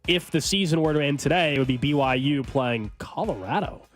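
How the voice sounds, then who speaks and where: A man's voice: on the high side, fairly quick. A man hosting sports talk in a casual, conversational style. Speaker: sports radio host.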